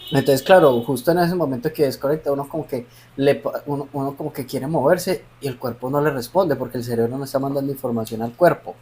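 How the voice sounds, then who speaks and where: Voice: medium pitch, quick pace, hardly any pauses, darkish tone, slightly rough. A podcast co-host who explains things casually, hedging and rambling as they go. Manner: hedging, rambling explanations full of "como que".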